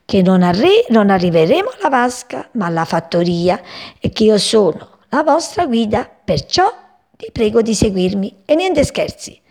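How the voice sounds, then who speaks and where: A woman voicing a tiny, always hungry male shrew who talks quickly and with mock politeness in a storybook reading. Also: medium pitch, big pitch swings, a little mellow. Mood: mock-polite.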